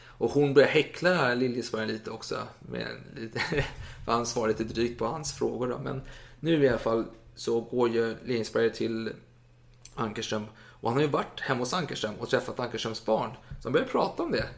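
A man casually retelling a historical story in a podcast chat, with lively retold quotes. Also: medium pitch, creaky. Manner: animated retelling with acted quotes and laughs.

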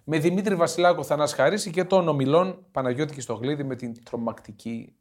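A man's voice: on the high side, a little mellow. Playful, stammering male podcast host. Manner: playful, joking, stumbles and repeats words. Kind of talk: casual podcast chat about football.

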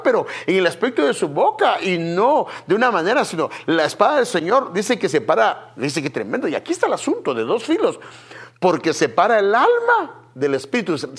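A man delivers a sermon in a husky voice, his pitch rising and falling dramatically. He speaks straight to his listeners, often calling them brother. He drops to near-whispers, then comes back with loud, pointed emphasis. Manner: swings between hushed asides and loud emphatic bursts; addresses the congregation directly, repeating "fíjese" and "hermano". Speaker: pastor.

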